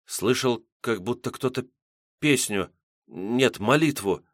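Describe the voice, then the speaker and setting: A man reading an audiobook, voicing an eager young lad who talks in an excited hushed whisper. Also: mid-range voice, takes it slowly, no room sound, clean studio sound, pitched above the performer's own voice.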